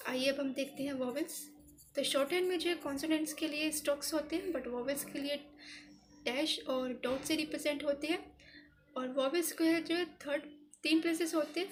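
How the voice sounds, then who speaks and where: A woman explaining a shorthand lesson step by step, patient and repetitive, pointing out each stroke. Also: high voice. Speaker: shorthand teacher.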